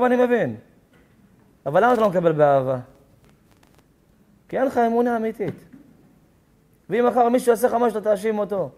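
A rabbi delivering a sermon, telling stories with passion, acting out dialogue and rising to shouts at times. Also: male voice, high voice.

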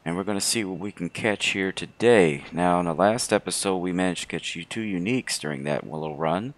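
A man with a slightly hoarse voice giving casual, unhurried, low-voiced commentary as host of a gaming video. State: hoarse from throat trouble.

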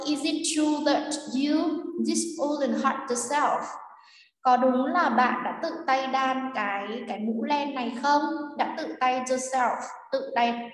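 A woman teacher with a Vietnamese accent explains an English quiz, slowing down to repeat key words and asking her class if they follow. Her voice sits slightly high and sounds distant from the mic, with a long echo filling the room. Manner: repeats words slowly, checks in with students. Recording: echoey room, voice far from mic.

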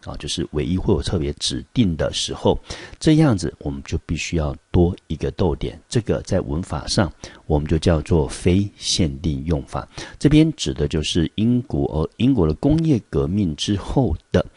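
A man with a low, slightly husky voice teaches an online English lesson. He reads each textbook sentence aloud, then explains it patiently, asking the class questions and repeating key words. The sound is dry and close, with no room echo. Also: big pitch swings, moderate pace, warm tone. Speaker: high school English teacher.

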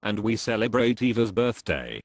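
A man with a Swedish first language hosting a homemade birthday skit, earnest and deadpan. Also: lowish voice, normal speed, heavy background noise. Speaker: host of home birthday video. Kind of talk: home video skit.

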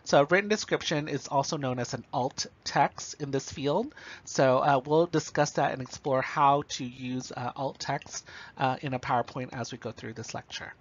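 A man's voice: medium pitch, normal speed, lo-fi sound. A man giving a recorded lecture, explaining step by step and checking in with the listener. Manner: explanatory, checks in with okay and right.

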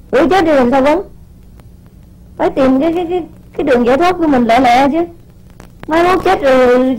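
A woman spiritual teacher speaks to her disciples in a high voice. She scolds them in an informal, unscripted sermon, stumbling over repeated words and pressing them with rhetorical questions. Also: a little mellow, poor audio.

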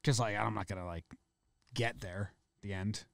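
A man's voice: fairly low pitch, steady tone, moderate pace, gravelly, no room sound, clean studio sound. A man co-hosting a comedy history podcast, chatting jokily and reading notes aloud. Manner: jokey, self-deprecating, reads notes aloud. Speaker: podcast co-host.

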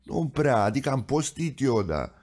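A man's voice: medium pitch, sing-song, darkish tone, voice pushed up. A man voicing a stubborn, plainspoken old coal miner who pleads his case with earnest defiance. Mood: sheepish.

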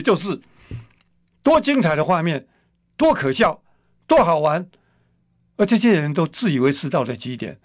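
Combative high-pitched radio host. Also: male voice, no echo, studio quality. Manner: combative, scolding, hurls insults and rhetorical questions. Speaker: radio talk show host. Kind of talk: political commentary monologue.

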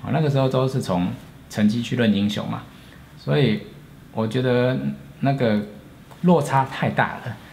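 A man in his forties with a Taiwanese Mandarin accent tells a story from his own life. He speaks earnestly and reflectively in a mid-range voice, pausing and restarting as he recalls it. Faint noise sits behind him. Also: medium pitch, darkish tone. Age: 40s. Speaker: storyteller, channel host. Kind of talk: personal storytelling.

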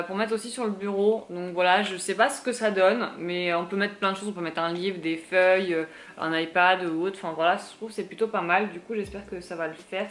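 A woman's voice: mid-range voice, a bit bright. Chatty young woman vlogger. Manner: chatty, fillers, self-mocking asides. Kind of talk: casual haul vlog.

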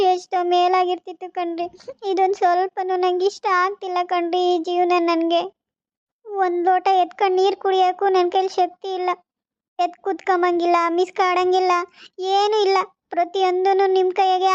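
A woman voicing a tearful, despairing bedridden young wife, soft and weepy. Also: very high voice, dry recording. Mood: sorrowful. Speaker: cartoon voice actor. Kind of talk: cartoon voice acting. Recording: dull lo-fi recording.

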